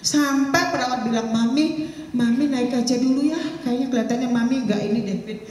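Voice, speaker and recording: A woman's voice: high-pitched, a little fast, a little mellow. A woman pastor giving a sermon testimony in casual storytelling style, calling her listeners friends and acting out the prayers she spoke. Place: church hall. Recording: echoey hall, distant mic.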